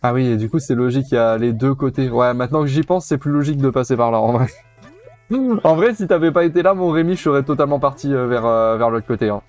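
A man's voice: medium pitch, animated, fast, a little mellow, soft background music. A man giving casual, chatty commentary while streaming a video game, repeating himself and using many fillers. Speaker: let's play streamer.

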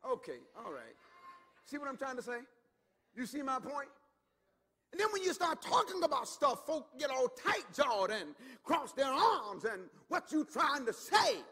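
A male pastor preaching a sermon, swinging from low, intimate asides up to emphatic shouts, and repeating words as he builds his point. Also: very animated, measured pace, slightly rough, big-room sound. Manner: repeats words and acts out quoted voices.

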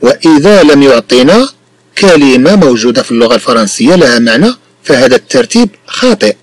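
A man teaching a lesson, speaking slowly and repeating each sentence in two languages. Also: medium pitch, sing-song, no room sound, rough recording. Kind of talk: bilingual classroom lesson.

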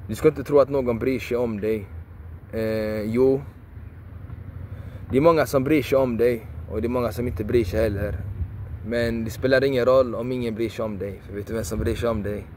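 A man's voice: mid-range voice, fairly even intonation, dark tone, slight background noise. A man giving a passionate motivational monologue, repeating phrases emphatically, swearing for emphasis and sounding preachy. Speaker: video creator.

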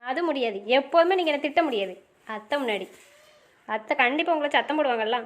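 A woman's voice: sits high, animated, quick pace. A woman in a romantic audio drama, answering back in a stubborn, pouting, playful way.

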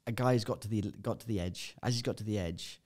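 A man's voice: fairly low pitch, brisk, darkish tone. Man telling a story vividly. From United Kingdom. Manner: vivid storyteller, swears freely. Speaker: podcast guest. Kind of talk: casual chat, anecdote.

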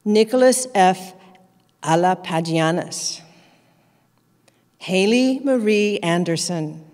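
A woman announcing graduates at a ceremony, reading each name slowly and carefully. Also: on the low side, lively intonation, a little mellow. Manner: slow, careful, evenly paced name reading. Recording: long hall reverb.

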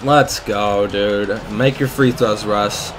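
A young man hosting a gaming channel, giving excitable live commentary on his own play, swearing and yelling at the game. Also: fairly low pitch, takes it slowly, a crowd in the background.

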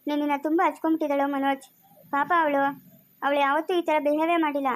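A young woman playing a blunt, practical student friend who talks in a brisk, scolding way in a family skit. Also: high-pitched, level tone, natural voice. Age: young adult. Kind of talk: amateur family skit acting.

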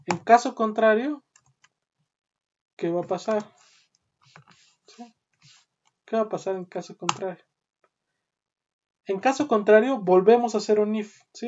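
A woman's voice: mid-range voice, a little mellow. A woman teaching a programming class, explaining step by step and often checking in with "¿sí?". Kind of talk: screen-recorded coding lesson. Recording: dull lo-fi audio with clear background noise and keyboard typing.

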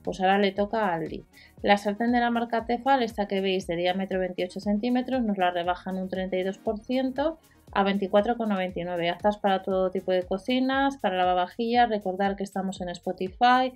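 A woman's voice: mid-range voice, a little fast, a little mellow, soft background music. Woman reading out store deals. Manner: listing prices and specs with fillers. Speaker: deals channel host. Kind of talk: product rundown voice-over. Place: voice-over over screen recording.

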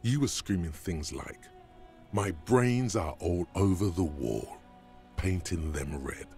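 A sardonic inner voice of the mind in a video game. It is extremely low, slow and deliberate, with dry mockery in its brooding narration. Music plays behind it. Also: male voice, expressive, darkish tone, full character voice. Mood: wry, sardonic.

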